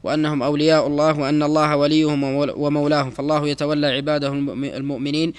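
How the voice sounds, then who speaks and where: A man reading a classical Arabic text aloud for a teacher, reciting quickly and evenly with small slips. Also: fairly high pitch, level tone, smooth.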